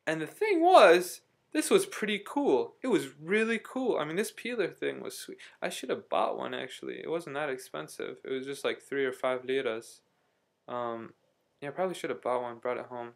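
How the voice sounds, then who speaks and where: In a gravelly, expressive mid-range voice at normal speed, a vlogger living in Istanbul meanders through a story for his video diary. He keeps it chatty and loose, with many fillers and restarts.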